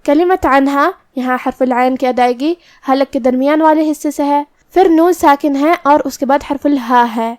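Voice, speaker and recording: A woman teaching Quran recitation rules in a tajweed lesson, explaining each letter step by step and chanting verses slowly. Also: high-pitched, a little mellow, dry recording, studio quality.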